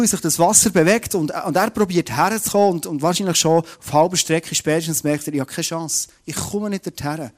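A male preacher with a Swiss German accent delivers a sermon, retelling the story with lively energy. His voice sits fairly high, and he keeps turning to the listeners with direct questions. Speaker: pastor.

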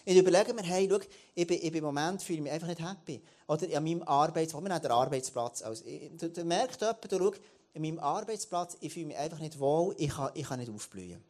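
A man, preaching to his church in an animated way, often restarting and repeating words. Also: fairly high pitch, quick pace. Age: late 30s. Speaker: church leader. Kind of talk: sermon.

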